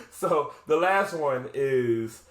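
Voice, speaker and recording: A man's voice: medium pitch, background noise. A man casually explaining drum rudiments step by step, correcting himself as he goes while demonstrating on a drum. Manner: casual, self-correcting, thinking aloud. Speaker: drumline instructor. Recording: echoey room with drumming. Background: drum playing.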